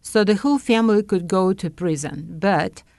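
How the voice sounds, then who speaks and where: An older woman from Uzbekistan, telling her faith story in an interview, slowly and carefully with hesitant pauses. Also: medium pitch, a little mellow, no room sound. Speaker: interview guest. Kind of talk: personal testimony.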